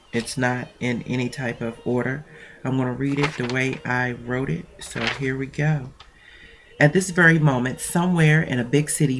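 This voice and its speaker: A woman mentoring coach with a very deep voice and a stuffy nose chats in a rambling way full of fillers, sometimes reading aloud from her own notes. There's a little hiss or hum in the recording.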